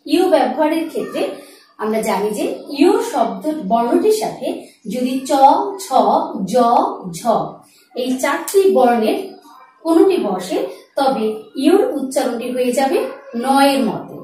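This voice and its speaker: Woman teacher with a high voice, spelling out words slowly in a pronunciation class. Recorded in a strongly echoing room, well off the mic. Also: lively intonation, dark tone, a little hiss or hum. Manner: slow, drawn-out demonstration of words; addresses students as friends. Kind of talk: pronunciation lesson. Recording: very echoey, from far off the mic.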